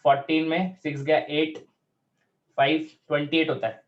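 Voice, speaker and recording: A male math teacher explains a problem step by step, often checking that the class is following. His voice sits a little high for a man and slows almost to dictation speed when he reads out formulas. The recording sounds slightly muffled. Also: little pitch movement. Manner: talks through steps aloud, checks in with students often. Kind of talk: whiteboard math lesson.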